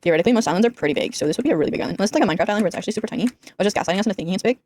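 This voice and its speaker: Teenage girl, gaming commentary, talks very fast, flat monotone, rambling, says like a lot. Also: mid-range voice. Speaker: gaming YouTuber. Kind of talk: casual commentary over gameplay.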